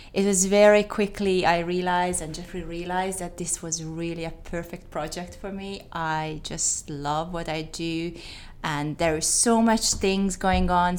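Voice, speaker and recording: A woman in her thirties from Hungary, speaking English with a Hungarian accent, answering interview questions as a biologist in an earnest, slightly halting way. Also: on the low side. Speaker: guest biologist.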